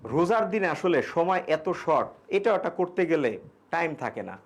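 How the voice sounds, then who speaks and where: A slightly high, sing-song voice at moderate pace belongs to a young man teaching English grammar online for exam prep. He explains informally in Bengali using English examples, and he answers student questions after reading them aloud.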